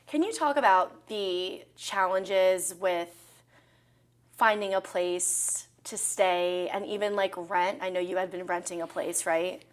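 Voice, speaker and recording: A woman's voice: lowish voice, takes it slowly. A woman interviewing someone in a conversational style.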